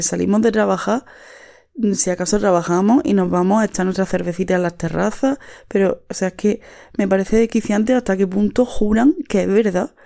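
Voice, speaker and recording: A woman's voice: mid-range voice, vocal fry, mellow. A woman from Andalusia with an Andalusian Spanish accent, talking frankly and with feeling on the radio, acting out the voices of the people she quotes. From Andalusia, Spain. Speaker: radio guest. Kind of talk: casual radio talk.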